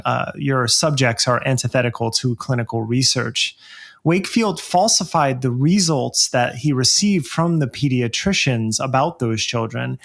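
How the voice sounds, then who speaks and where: A man's voice: medium pitch, vocal fry. Conversational male podcast co-host. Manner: conversational, chuckling, with fillers. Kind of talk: casual podcast talk and scripted segment.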